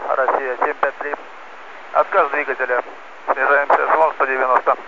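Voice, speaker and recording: A man's voice: medium pitch, little pitch movement, moderate pace, vocal fry. A man speaking as an airline pilot over the radio, in clipped procedural phrases and readbacks. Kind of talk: pilot radio communication with air traffic control. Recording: muffled, very noisy aircraft radio transmission.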